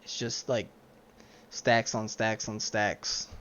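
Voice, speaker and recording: A man's voice: on the low side, level tone, takes it slowly. A man player rambling loosely through his thoughts, leaning on fillers. His voice comes through a dull, lo-fi mic with a faint hiss behind it. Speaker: tabletop player. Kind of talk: casual chat.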